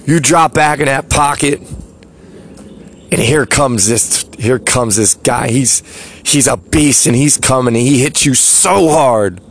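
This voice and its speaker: Slow-talking man giving motivational talk. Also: mid-range voice, gravelly, slight background noise. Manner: slow, reflective, rhetorical "right?" asides. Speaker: podcast host. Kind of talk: motivational monologue.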